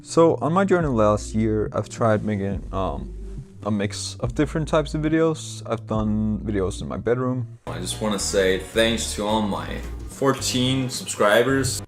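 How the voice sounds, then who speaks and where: Soft music plays behind a young man from Denmark, a Danish-speaking YouTuber using English, as he talks to camera in a scripted vlog, candid and self-mocking. His voice is fairly low in pitch, animated and measured in pace.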